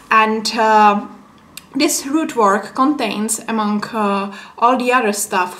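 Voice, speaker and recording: A little high and fairly bright, the voice belongs to a young woman from the Czech Republic, a native speaker with a Czech accent. She reviews a book casually indoors in a small, echoey room with a window, using lots of fillers.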